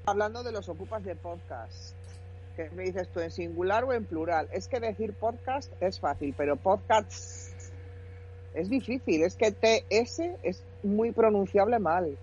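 A man's voice: sits high, normal speed, darkish tone, highs cut off, a little hiss or hum. A man from Spain co-hosting a podcast, bantering playfully and spelling words out in a mock-pedantic way. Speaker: podcast co-host. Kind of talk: casual banter.

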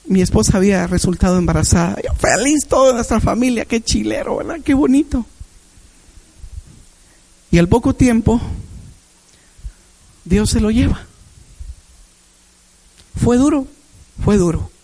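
A man's voice: high voice, dark tone, poor audio. A man preaching a Sunday sermon in a church, sharing a personal testimony with emphatic repetition.

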